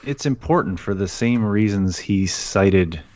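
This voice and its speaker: A man with a very low voice talking in a measured, thoughtful way during a casual podcast chat. The sound is dull and lo-fi. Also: darkish tone. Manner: thoughtful, measured, checks agreement with "right?". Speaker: podcast co-host discussing books.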